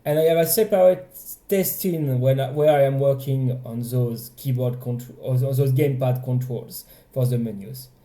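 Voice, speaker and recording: A young man with a French accent talks through his game project in a relaxed video-diary way. His voice is very dark and mellow, and he often stops to correct his words as he goes. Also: mid-range voice, normal speed. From France. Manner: hesitant, self-correcting, chatty. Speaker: indie game developer. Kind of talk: casual devlog walkthrough.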